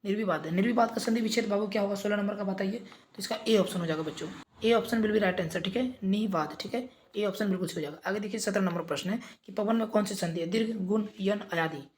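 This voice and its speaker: A man teaching an exam revision lesson, briskly reading out quiz options and coaxing his pupils along. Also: high voice, slight background noise.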